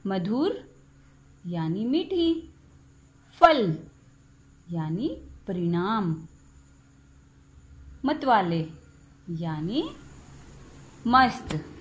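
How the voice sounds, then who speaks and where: A woman primary school teacher with a Haryanvi Hindi accent, telling a story to young children in slow, gentle, clearly spaced phrases. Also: mid-range voice, a little hiss or hum, poor audio.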